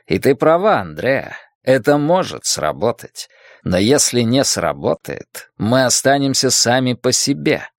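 A man's voice: mid-range voice, very animated, a little slow, no echo, clean studio sound. A man voicing a domineering, scheming middle-aged male town boss in an audiobook. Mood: menacing. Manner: domineering and mocking.

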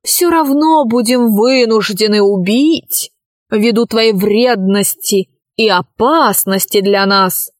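A woman voicing a cunning male vampire wizard in a storybook, with a slow, mocking drawl. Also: mid-range voice, no room sound, studio quality, close to an everyday voice. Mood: cold.

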